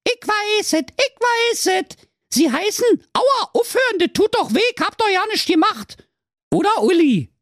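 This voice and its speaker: A narrator voicing a dim-witted, frantic young mother with a Berlin accent in a squeaky, shrieking voice. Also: sing-song, normal speed, fairly bright tone, no echo, clean studio sound, full character voice. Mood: eager.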